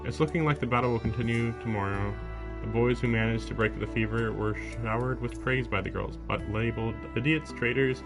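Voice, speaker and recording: A man with a medium-pitched voice talks a little fast, hardly pausing, while streaming a visual novel live. He reads its lines aloud and adds casual, sarcastic asides over the game music.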